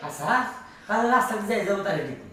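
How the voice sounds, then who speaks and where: A woman's voice: mid-range voice, lively intonation, rapid-fire, a bit bright, lightly acted. A woman playing a wheedling young brother-in-law. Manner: wheedling, pleading. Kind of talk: comic village skit acting. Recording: echoey room from far off, faint hiss.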